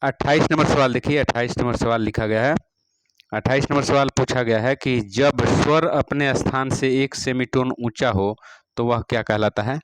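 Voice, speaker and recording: A man teaching music, reading out practice exam questions and their answers one by one, repeating each question and adding a steady "all right" after each answer. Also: mid-range voice, moderate pace, background noise. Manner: repeats each question, fills with "theek hai ji".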